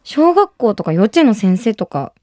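A woman's voice: fairly high pitch, very animated, normal speed, noisy background. A woman hosting a radio language program, chatting casually with many fillers and eager reactions. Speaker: radio show host.

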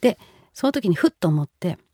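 A middle-aged woman being interviewed, telling stories in an animated way and acting out the dialogue. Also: on the low side, brisk, slightly rough, no echo, studio quality. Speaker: guest author. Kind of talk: conversational interview.

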